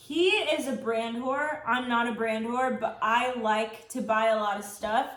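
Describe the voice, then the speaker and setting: Casting: American woman, twenties, higher voice, giggly and tipsy, casual couple's vlog banter in an echoey room. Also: fairly bright tone. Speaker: co-host of a couple's Q&A. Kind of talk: casual chat. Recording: roomy echo, faint background noise.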